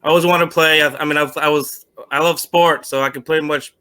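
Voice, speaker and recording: A middle-aged man from Vermont answering interview questions on a call, halting with many restarts and fillers. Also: a little high, fairly even intonation, bright, forceful tone, clean tone. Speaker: guest, former semi-pro football player.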